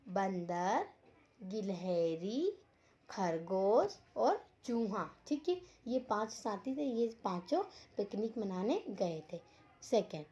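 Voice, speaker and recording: Slow, deliberate woman teaching young children. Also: a little high, a little mellow, dull audio. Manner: slow and deliberate, repeating words and asking questions. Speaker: school teacher. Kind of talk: online Hindi lesson for young children.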